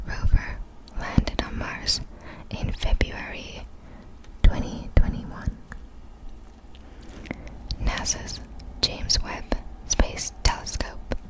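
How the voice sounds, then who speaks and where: Every word is a soft, airy whisper as a woman reads facts ASMR-fashion, pausing in brief, halting phrases at a very slow pace. She comes across as apologetic and often stumbles on tricky words, over a rough recording.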